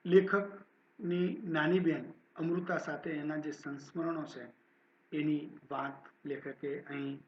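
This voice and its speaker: A male college professor reading a literary text aloud in a measured, expressive way and then explaining it as a lecture. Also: medium pitch, reverberant, muffled recording, a little hiss or hum.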